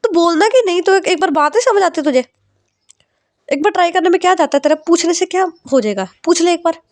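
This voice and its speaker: A woman's voice: medium pitch, brisk, a little mellow, no echo, close to an everyday voice. A woman voicing a nagging middle-aged mother, insistent and scolding.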